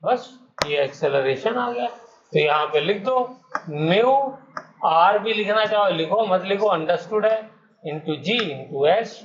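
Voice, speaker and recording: A man's voice: sits high, lively intonation, slow. A male teacher giving a classroom physics lesson, working through problems step by step and coaxing answers from his students. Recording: dull, echoey classroom recording.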